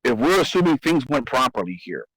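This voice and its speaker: A man's voice: medium pitch, very animated, brisk, a bit bright, husky, dry recording, poor audio. A man in casual talk, explaining game strategy and often restarting and repeating his phrases for emphasis. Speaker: host. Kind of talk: casual gaming strategy discussion.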